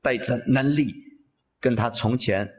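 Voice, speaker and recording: A man interpreting a sermon phrase by phrase, somewhat halting. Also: mid-range voice, husky, muffled recording.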